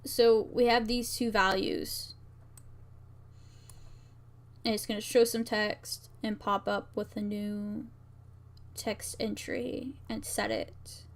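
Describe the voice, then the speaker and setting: A woman streamer talks herself through a task step by step, muttering fragmented phrases as she casually thinks aloud in a work-along narration. Her voice is medium-pitched with fairly even intonation and a slow pace, over keyboard typing and clicking.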